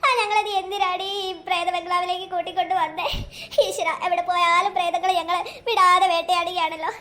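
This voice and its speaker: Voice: very high-pitched, little pitch movement, a little fast, sharp tone. A performer voicing a frightened young woman in a cartoon ghost story, pleading and wailing dramatically. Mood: fretful.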